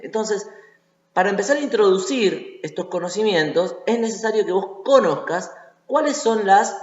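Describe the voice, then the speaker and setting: A man with a Rioplatense Spanish accent teaching a voice lesson, explaining step by step and often checking in with the listener. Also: sits high. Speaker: singing teacher. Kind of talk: online voice lesson. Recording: echoey lo-fi room recording.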